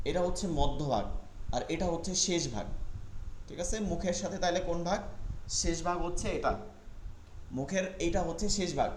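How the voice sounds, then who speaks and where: A man teaching Quran pronunciation online, patiently repeating each sound slowly for his students. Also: fairly high pitch, roomy sound, slight background noise.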